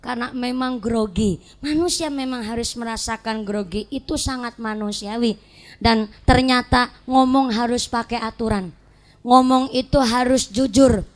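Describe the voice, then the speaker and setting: A woman preacher with a Banyumasan ngapak accent, giving a humorous sermon to a congregation and telling lively stories. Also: a little high, unhurried. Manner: lively storytelling, mimics voices and mixes local dialects for jokes. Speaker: female Islamic preacher.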